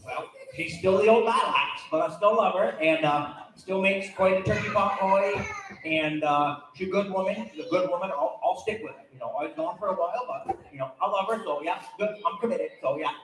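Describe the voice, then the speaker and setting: A man acting out a folksy old backwoods hunter with a thick Vermont accent. He rambles and repeats himself in a mumbly, high-pitched voice. It is a comic stage sketch, captured in a very reverberant hall. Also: a little fast, a crowd in the background, natural voice. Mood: folksy, rambling. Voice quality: thickly mumbled, hard to understand. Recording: very echoey live hall.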